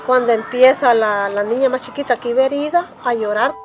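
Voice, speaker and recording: Older woman, plain rural storytelling, clear music underneath. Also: fairly high pitch, a little fast. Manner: plain rural storytelling, quoting her own past words. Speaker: survivor giving testimony. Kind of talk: spoken testimony in a documentary.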